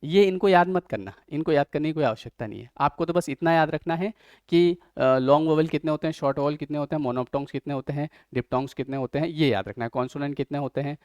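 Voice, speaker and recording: Indian male tutor, fairly high voice, dry close mic, explains step by step and checks students follow. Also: fast talker, darkish tone, no room sound. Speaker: teacher. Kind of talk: online exam-prep lesson.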